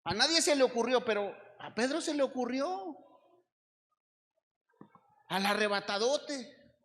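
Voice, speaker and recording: A man's voice: very high voice, lively intonation, a little slow, fairly bright tone, in a large hall, a little hiss or hum. A man with a Mexican accent preaching a sermon to his church, emphatic and full of rhetorical questions to the congregation. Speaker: pastor. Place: church service.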